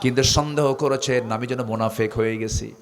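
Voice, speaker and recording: A preacher from Bangladesh giving a sermon, moving between quiet asides and loud calls for the crowd to answer, and slowing into drawn-out chanted recitation. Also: male voice, medium pitch, fairly even intonation.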